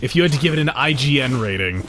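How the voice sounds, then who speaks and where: A man's voice: mid-range voice, animated, fast talker, music in the background. A man co-hosting a let's play, chatting casually and explaining the game, swearing now and then. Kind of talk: casual gaming commentary.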